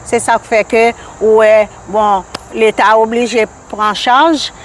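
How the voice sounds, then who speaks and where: An older Haitian woman speaks with a Haitian Creole accent, earnest and repetitive, her phrases halting as she presses her point. Her voice sits somewhat high. Faint crickets and outdoor noise sit behind her. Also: fairly even intonation. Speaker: community activist guest. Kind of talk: casual interview.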